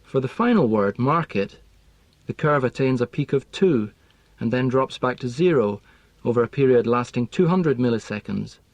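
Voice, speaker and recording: A man explaining language teaching in a scripted lesson, speaking in a measured, precise way. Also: mid-range voice, a little mellow, no echo.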